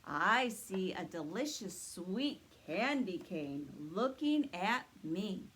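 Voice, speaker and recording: A woman voicing a jolly old Santa Claus in a slow, chanting storybook reading. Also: medium pitch, sing-song, fairly bright tone.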